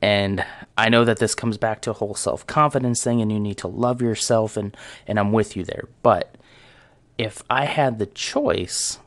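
A man talks into a close microphone in a relaxed, conversational way, musing aloud to his listeners. His voice sits a little low, and the sound is dry, with no room around it. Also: normal speed, no room sound. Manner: reflective, conversational, self-aware. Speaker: audio show host. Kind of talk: casual solo talk. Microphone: close studio microphone.

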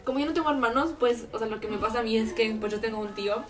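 A woman's voice: fairly high pitch, rapid-fire. A woman chatting as a podcast co-host, hesitant with many fillers. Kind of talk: casual chat.

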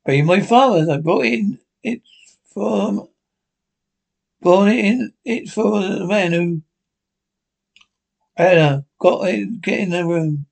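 A man's voice: high-pitched, slow, creaky, pauses often, heavily acted. A man acting a vengeful, crazed young woman in a horror radio play, speaking obsessively and repeating herself. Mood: tense, threatening.

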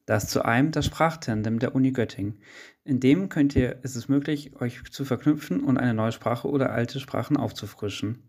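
A man's voice: medium pitch, moderate pace. Young male student radio reporter. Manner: scripted, even narration with interview questions. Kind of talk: read-out radio feature narration.

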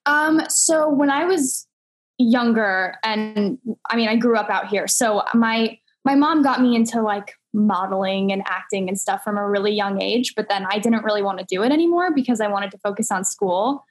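A woman's voice: medium pitch, normal speed. A young woman, an actress answering interview questions casually, full of "like" and "um". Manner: casual, many fillers like "like" and "um". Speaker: actress, guest.

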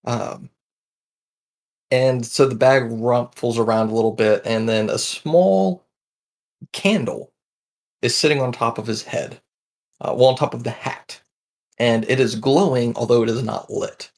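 A man narrating as game master in a tabletop game, relaxed and hesitant, with many fillers. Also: medium pitch, a little slow, gravelly, pauses often.

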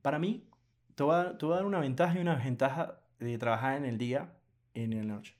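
A man co-hosting a casual podcast chat, animated and laughing often, acting out quoted clients in lively bursts. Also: mid-range voice, fast. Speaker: podcast co-host.

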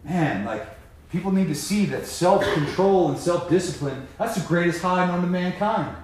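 A man giving a profane, impassioned motivational talk about sobriety, dropping from low muttering to loud emphatic preaching in casual slang. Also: lively intonation, normal speed. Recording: very echoey room.

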